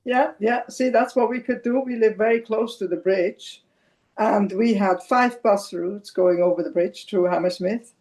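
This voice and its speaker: A woman's voice: medium pitch, unhurried, a little mellow. An older woman from Switzerland, a podcast guest telling her life story in casual chat with hesitant fillers.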